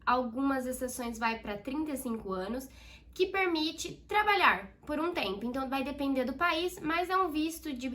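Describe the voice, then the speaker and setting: A woman's voice: high-pitched, sharp tone. A young Brazilian woman with a Brazilian Portuguese accent, chatting directly to her viewers and explaining things in a friendly, casual vlog. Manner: chatty, addresses viewers as "gente". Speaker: vlogger.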